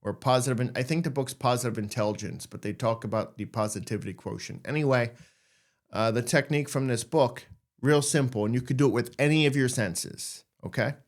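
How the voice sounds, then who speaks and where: A man's voice: medium pitch, brisk. A man hosting a podcast, talking casually and candidly about anxiety, joking and acting out his own worried thoughts. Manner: candid, jokey, acts out anxious thoughts. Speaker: podcast host. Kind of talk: casual self-help monologue.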